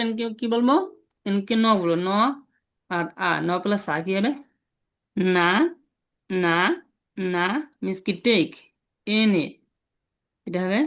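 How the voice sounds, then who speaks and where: A patient man leads an online language lesson over a video call. He repeats each sound slowly and clearly so his students can copy him, with a steady, encouraging pace. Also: sits high. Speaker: language teacher.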